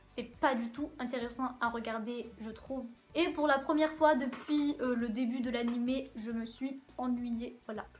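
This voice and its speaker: A woman reviewing anime episodes in a casual vlog, pausing often with "euh" and repeating words for emphasis. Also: high voice, a bit bright. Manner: hesitant, filled with frequent "euh" pauses.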